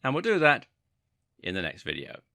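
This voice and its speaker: A man's voice: mid-range voice, huge pitch swings, moderate pace, vocal fry, bright, forceful tone, no echo, clean studio sound. A man narrating an online marketing course in a scripted, upbeat and persuasive manner.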